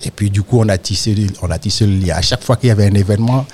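Ivorian-accented male storyteller, low and mellow, lively and animated when he talks about his craft, faint noise behind. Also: very fast. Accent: Ivorian French. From Côte d'Ivoire. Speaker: storyteller and actor. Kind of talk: radio interview.

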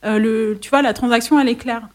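A woman journalist with a fairly high voice, speaking as a guest in a radio studio. She explains her work carefully and stops often to find the right word. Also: fairly even intonation, quick pace. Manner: thoughtful, hesitant, many fillers. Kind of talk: radio interview.

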